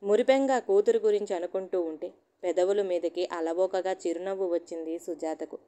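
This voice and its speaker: Woman storyteller, slightly low voice, steady expressive read. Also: moderate pace.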